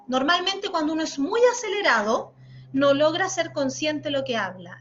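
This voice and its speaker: A Chilean woman leading an online workshop lesson, articulating with deliberate exaggeration and answering viewer comments as she goes. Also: high-pitched, fairly bright tone. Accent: Chilean Spanish. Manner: reads viewer comments aloud and responds. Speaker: workshop instructor. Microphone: computer mic, recorded lesson. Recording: dull lo-fi screen recording.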